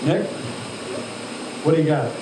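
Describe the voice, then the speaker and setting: Heard through a distant, echoey mic over loud machinery hum, a man with a voice on the high side speaks at a measured pace. As an altitude chamber instructor, he directs trainees hands-on, checks on them and quizzes them, calling each one sir.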